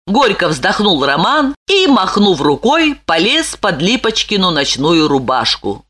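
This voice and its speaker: Woman reading a funny story aloud, pitch all over the place, expressive. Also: a little slow. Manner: expressive, lively. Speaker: narrator. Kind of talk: audiobook narration.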